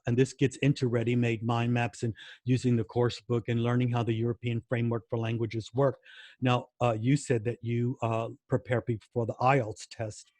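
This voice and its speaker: A man's voice: mid-range voice, a little mellow, no room sound. Man, American accent, casual interview talk, filler-heavy, repeats for emphasis, dry close sound. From United States. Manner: many fillers and restarts, repeats words for emphasis. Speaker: guest language educator.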